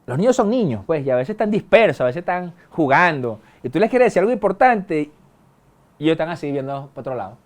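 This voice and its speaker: A middle-aged male pastor, preaching a sermon in a conversational way, with colloquial asides and sudden quick bursts. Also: on the high side, sing-song. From Venezuela.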